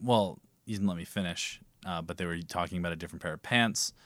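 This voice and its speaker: A man co-hosting a casual podcast, dropping absurd jokes in a deadpan way. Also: low-pitched, quick pace, dry recording. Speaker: podcast co-host.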